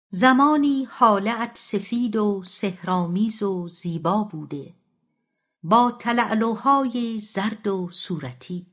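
A steady wandering dervish, read by a woman, calm yet firm in an audiobook reading. The voice sits in a middle register with a breathy, husky grain. The audio is a little dull and lo-fi. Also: medium pitch, lightly acted.

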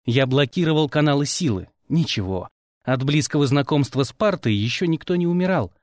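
A man's voice: on the high side, lively intonation, fairly quick, a little mellow, dry recording. A man reading a first-person audiobook with dry, wry storytelling. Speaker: audiobook narrator.

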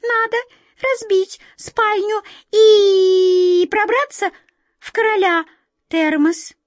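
A woman voicing tiny, fussy, flustered mice who squeak their words out in a hurry in a storybook reading. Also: no echo, studio quality. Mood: squeaky excited. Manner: squeaky, hurried, excited.

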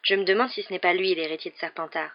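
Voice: medium pitch, fairly even intonation, fast, close to an everyday voice. A reader voicing an earnest, solemn schoolboy who speaks formally, in a dull lo-fi recording. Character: earnest plump boy pupil, solemn and formal.

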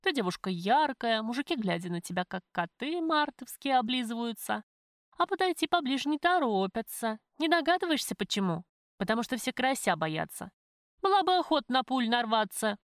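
A woman voicing a blunt, streetwise young waitress who chides her friend, in a lively, raised voice. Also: fairly high pitch, fairly quick, no room sound, clean studio sound, voice pushed up. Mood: brash. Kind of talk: audiobook character voice.

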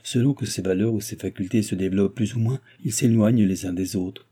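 A man's voice: on the low side, a little fast, mellow, slightly rough. A man playing a cold, arrogant young man who lectures with disdain in a read-aloud novel.

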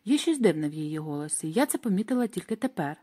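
A woman reading a first-person audiobook in a dramatic, expressive way. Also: on the low side, fast. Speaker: audiobook narrator.

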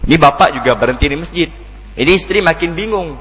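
A male preacher gives a Quranic exegesis talk in a study center hall. He chants Arabic verses, then explains them in animated everyday speech, with a slightly raised pitch. The recording is dull and lo-fi and carries a long hall reverb. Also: fast, soft background music. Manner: chanted Arabic recitation alternating with lively, colloquial storytelling preaching.

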